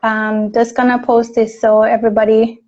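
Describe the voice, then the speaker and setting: A woman with a Jamaican accent hosting a casual live video chat, friendly and quick to laugh. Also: on the high side, completely flat delivery, darkish tone, lo-fi sound. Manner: friendly, laughs easily, slow and deliberate. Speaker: host. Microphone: video call.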